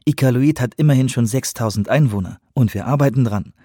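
A man's voice: mid-range voice, a little fast, mellow, breathy edge, no room sound, clean studio sound, natural voice. A man putting on a chatty, cheerful woman clerk. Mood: friendly chatty. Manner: cheerful, talkative.

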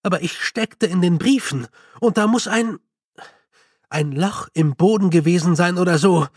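A man's voice: high-pitched, moderate pace, no echo, studio quality. A man voicing a frantic young male con man, agitated and breathless. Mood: rattled. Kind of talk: audiobook character voice.

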